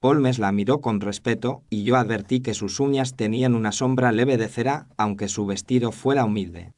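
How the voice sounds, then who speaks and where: Voicing a thoughtful male doctor narrating his memoir, a man recounts a case in an audio drama with reflective, literary scripted narration. His mid-range voice is natural and darkish in tone, moving at a normal speed.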